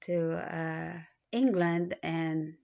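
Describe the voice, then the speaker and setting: A woman in her thirties from the Philippines, speaking with a Filipino accent, introducing herself in a halting way with many pauses and restarts. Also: deep voice, fairly even intonation, creaky, warm tone. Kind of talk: self-introduction video. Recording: dull lo-fi recording.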